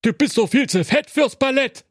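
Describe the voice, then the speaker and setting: Man voicing a cheeky octopus, sarcastic, highish, lively voice. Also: normal speed, no echo, studio quality. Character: cheeky male octopus stand-in cat. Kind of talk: comedic radio play.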